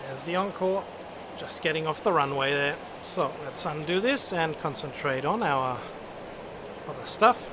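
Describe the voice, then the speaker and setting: A man's voice: on the high side, lively intonation, unhurried. A middle-aged man streaming an air traffic control game at a close mic, issuing formal commands and commenting on play. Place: indoor desk setup. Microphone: close desk microphone. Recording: loud background noise.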